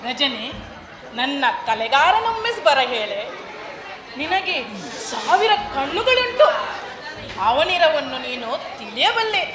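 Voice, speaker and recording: A woman's voice: high-pitched, sing-song, slow pace, long pauses, exaggerated voice. A woman playing a young female clay doll on a live stage, pleading in a theatrical stage voice. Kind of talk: stage drama. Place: large hall, live stage. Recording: echoey hall, crowd noise.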